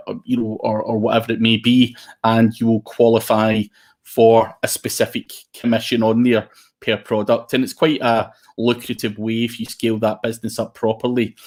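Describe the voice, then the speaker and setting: A man with a broad Scottish accent giving an informal online presentation in a blunt, plain-spoken way. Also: medium pitch. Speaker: guest speaker, SEO consultant and trainer.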